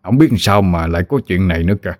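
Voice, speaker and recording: A man's voice: low voice, animated, racing, a little mellow. A man in his fifties playing a jumpy, easily scared farmer husband, with a Southern Vietnamese accent, talking in frantic exclamations. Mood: frightened. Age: 50s.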